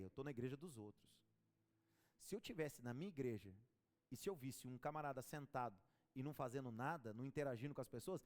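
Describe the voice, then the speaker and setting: Animated preacher in a reverberant church. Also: male voice, sits high. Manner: storytelling, animated, chatting with the congregation. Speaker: pastor. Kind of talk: sermon.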